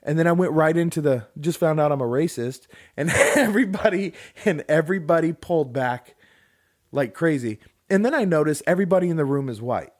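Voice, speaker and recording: This podcast co-host, a man in his late thirties, talks a little fast in a fairly high voice. He rambles through a long story in casual chat, animatedly acting out the lines of the people he quotes.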